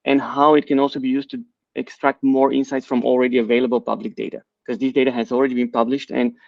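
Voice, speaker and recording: Middle-aged man from Bulgaria, CEO, explanatory and measured, dry slightly dull recording. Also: medium pitch, little pitch movement, gravelly, no echo. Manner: measured, explanatory, with frequent fillers. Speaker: company CEO and co-founder. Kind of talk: interview answers.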